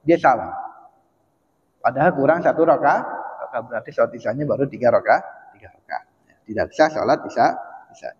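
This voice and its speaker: A man teaching a mosque study lesson, explaining patiently, repeating his words and chanting Arabic phrases slowly. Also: medium pitch, expressive. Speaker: Islamic teacher. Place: mosque hall. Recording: muffled hall recording with long echo.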